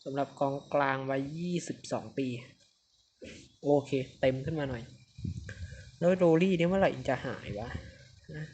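A man's voice: fairly high pitch, normal speed, long pauses, highs cut off, slight background noise. A young man hosting a gaming channel, chatting to viewers as he plays a football manager game and cheering at goals. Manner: chatty, talks to viewers, excited bursts at goals. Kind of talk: let's-play football manager commentary.

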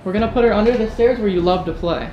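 A woman on a ghost hunt answers in short bursts and calmly reassures whatever might be listening. Her mid-pitched voice rings in a hard, echoing room, and music plays clearly beneath her. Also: quick pace, dull audio. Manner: short reactions and calm reassuring words to spirits. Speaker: paranormal investigator. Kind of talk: casual on-location chat.

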